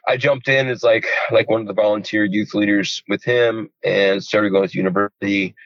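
A man in his forties, from rural Georgia, talks with a low voice and a loose, enthusiastic ramble, full of "you know" and "man". He's a pastor chatting casually. The sound is dry and a little dull, like a lo-fi recording. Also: fairly even intonation, normal speed, dry recording. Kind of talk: casual conversation.

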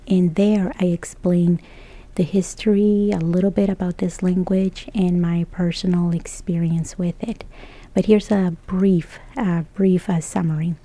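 Podcast host: woman, slow, breathy near-whisper, mellow low tone. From El Salvador. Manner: soft, often breathy half-whispered delivery; earnest and thankful. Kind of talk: solo podcast monologue.

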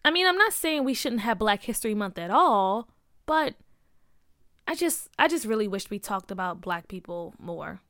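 A woman's voice: medium pitch, big pitch swings, normal speed, a bit bright, dry recording, clean studio sound. A woman voicing an earnest, outspoken young schoolgirl who asks insistent questions in a storybook reading.

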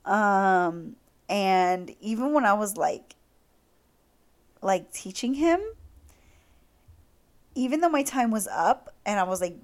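A woman's voice: mid-range voice, expressive, slow, long pauses. A young woman talks straight to her listeners in a loose, casual monologue. She gushes and rambles, leaning on "like" and "um" as she tells her story. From Latin America. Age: young adult. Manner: gushing, heavy use of "like". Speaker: podcast host.

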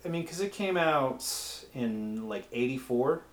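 Male podcast co-host, average pitch, casual movie chat, filler-heavy and giggly. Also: lively intonation, measured pace. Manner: rambling, laughing, frequent fillers.

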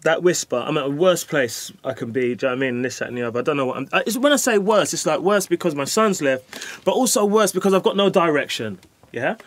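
Animated man telling a story. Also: a little high, quick pace, no room sound. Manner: animated, peppered with "you know what I mean". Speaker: guest. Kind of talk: casual storytelling.

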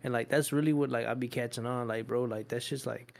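A man's voice: mid-range voice, steady tone, fast, gravelly. Young male, mid-range voice, loose conversational frat-bro delivery with lots of slang and cursing. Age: young adult. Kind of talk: casual chat.

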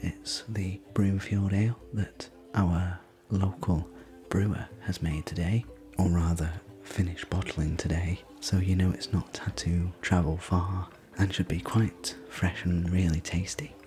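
A man voicing a friendly, hospitable innkeeper of a fantasy tavern in a whispered sleep-story roleplay, talking in a soft, gently rambling way. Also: sits low, little pitch movement, unhurried, faint music behind. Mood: chatty.

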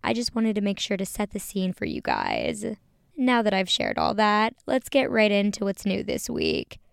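A woman's voice: medium pitch, sing-song, gravelly, smooth, no room sound. A young adult woman hosting a casual chatty podcast, recorded inside a small home closet on a close mic. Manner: chatty, upbeat, reads lists quickly. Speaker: podcast host. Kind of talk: casual chat.

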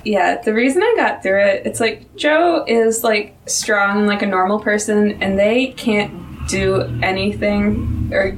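A woman's voice: mid-range voice, unhurried, slight background noise. A young woman hosting a podcast, chatting and recapping with friends in a giggly, talkative way. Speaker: podcast host. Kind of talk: casual chat. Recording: distant mic.

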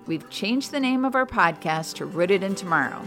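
A woman hosting a podcast, giving scripted narration in a measured, upbeat way. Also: medium pitch, animated. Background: soft guitar music.

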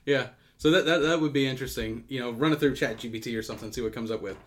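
Male podcast co-host, middle pitch, rambling and self-correcting in casual talk. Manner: rambling, self-interrupting, quick laughs.

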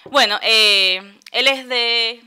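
A woman's voice: on the high side, extremely slow, sharp tone, clean tone. A young Venezuelan woman co-hosting a podcast, chatting casually and laughing through her stories. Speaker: podcast co-host. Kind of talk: casual chat.

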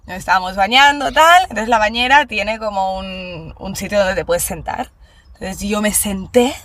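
A young woman, a podcast guest telling stories in animated, laughing casual chat. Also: mid-range voice, moderate pace, no echo. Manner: animated storyteller, laughs often.

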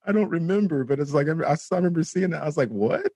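On a podcast where friends casually talk movies, a male co-host rambles and swears without restraint. He talks very fast in a slightly high, dark-toned, somewhat rough voice, recorded with no room sound.

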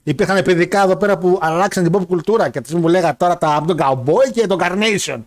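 Casting: young male podcast co-host, slightly higher voice, loose, rambling, laughs easily. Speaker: podcast co-host reading listener messages. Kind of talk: casual banter about wrestling and football.

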